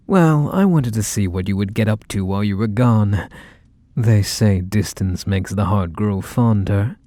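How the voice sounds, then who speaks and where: A man lightly acts a possessive, teasing mafia-boss lover in an intimate, one-sided ASMR roleplay. His fairly low, mellow voice is unhurried, mock-sweet and condescending, full of menacing affection and pet names, in a smooth mood. There is no echo.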